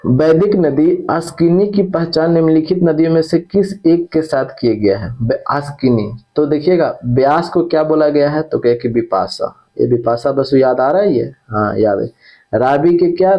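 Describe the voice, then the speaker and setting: A man's voice: on the high side, warm tone, poor audio. A man teaching an exam-prep lesson who repeats key terms and checks in with his students after each point.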